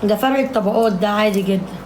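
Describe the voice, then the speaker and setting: A woman's voice: medium pitch, racing, a little mellow, slight background noise. A woman with an Egyptian Arabic accent chatting on a casual livestream, bickering and complaining at her viewers. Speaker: live streamer. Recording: echoey room.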